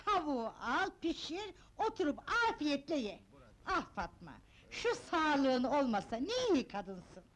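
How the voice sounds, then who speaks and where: An actress playing a fussy, excitable older mother-in-law in a comic film, scolding and exclaiming. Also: high-pitched, a little slow, full character voice. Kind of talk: 1970s film comedy acting.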